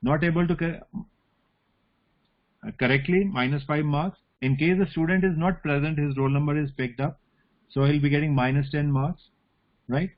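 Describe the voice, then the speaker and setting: A man's voice: on the high side, fairly even intonation, normal speed, long pauses. North Indian man lecturing, slightly dull audio. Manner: explanatory, often adds "you know" and "right?" as tags. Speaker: academic lecturer. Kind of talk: informal online lecture with question and answer.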